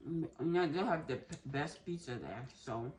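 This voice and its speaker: A woman's voice: deep voice, lively intonation, moderate pace, a little mellow, a little hiss or hum. A woman chatting casually as she eats, chewing while talking and humming as she savours the food. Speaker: food vlogger. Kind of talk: casual mukbang chat while eating.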